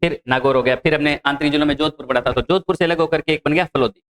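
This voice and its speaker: A male tutor with a Rajasthani Hindi accent and a slightly raised voice runs an exam-prep geography class. He asks a question, answers it himself and repeats it, and rattles off lists of place names in quick runs. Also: a little high, steady tone, fairly bright tone. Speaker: teacher.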